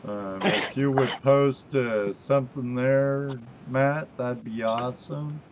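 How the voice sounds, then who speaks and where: Slow, easygoing male show host. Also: mid-range voice, background noise. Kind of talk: casual live show chat. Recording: slightly dull lo-fi sound.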